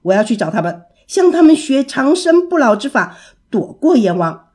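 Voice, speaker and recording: A woman's voice: high voice, very animated, moderate pace, warm tone. A woman voicing the Stone Monkey, a proud and clever young male monkey king, in a children's storybook reading. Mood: determined.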